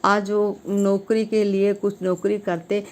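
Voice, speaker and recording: A woman hosting her own channel gives a sincere to-camera talk about civic duty, speaking slowly and with little pitch movement. She is still emphatic, with frequent surges in pitch and loudness, and she pauses with fillers and restarts between phrases.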